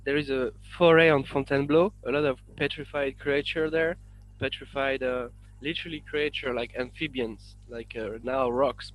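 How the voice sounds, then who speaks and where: A man from France with a French accent, a guest on a podcast interview, talking in a halting way full of fillers and restarts. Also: medium pitch, slight background noise, poor audio. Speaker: guest, independent researcher.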